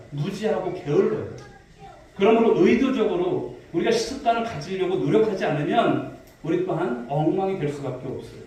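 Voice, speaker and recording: A male pastor preaches a sermon to his congregation, asking them questions and telling stories, in a fairly high, mellow, warm voice. The distant mic in the reverberant hall makes it very echoey, like being far back in a large church sanctuary, with slight background noise.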